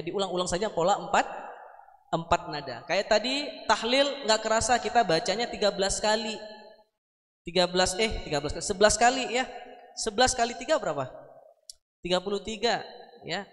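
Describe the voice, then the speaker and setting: A young man leads a mosque study sermon in a voice that sits high, animated, brisk, and a bit bright. Speaking into a handheld microphone, he jokes and chats, then shifts into melodic dhikr chanting that echoes through the spacious hall.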